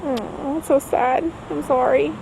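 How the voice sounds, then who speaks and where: A woman with a high voice talks casually on a phone call. She sounds hesitant and questioning as she goes. The recording has clear background noise. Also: steady tone, unhurried.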